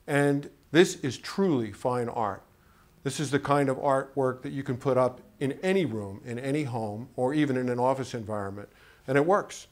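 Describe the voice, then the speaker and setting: A middle-aged man talks in an even, earnest way, full of admiration. He is recorded indoors in an office. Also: medium pitch, moderate pace. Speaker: art collector. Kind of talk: documentary interview.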